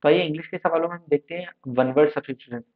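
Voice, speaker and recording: A man's voice: fairly high pitch, rapid-fire. A slightly unwell man teaching an online exam-prep lesson, repeating each word to drill it. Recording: tinny phone-like sound.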